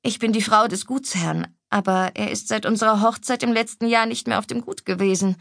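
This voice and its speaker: A woman's voice: mid-range voice, steady tone, brisk, vocal fry, a bit bright, no echo, studio quality. A woman voicing a troubled young mistress of an estate, speaking earnestly. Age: young adult.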